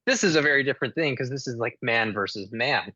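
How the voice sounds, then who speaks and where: A man's voice: medium pitch, animated, fast, bright, forceful tone, slightly rough, no room sound, highs cut off. A man who is a podcast guest, explaining his thoughts on a movie in a casual, thoughtful way.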